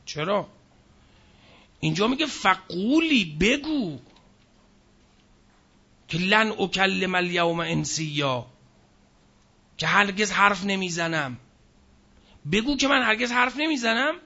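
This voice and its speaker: A man with a high-pitched, gravelly voice gives a scripture lecture, slowing down to recite verses before explaining them. His tone is bright and a little husky, and he often asks the audience a question and then answers it. The recording sounds muffled and lo-fi. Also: animated. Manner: recites Arabic verses slowly, then explains in plain speech. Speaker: preacher. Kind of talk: Quranic exegesis lecture.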